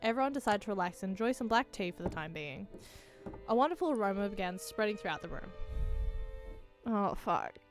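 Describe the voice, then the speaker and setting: A woman's voice: medium pitch, lively intonation, fairly quick, faint music behind. A woman reading a visual novel aloud and voicing its characters, cursing and laughing at her own attempts. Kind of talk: casual dramatic read-along.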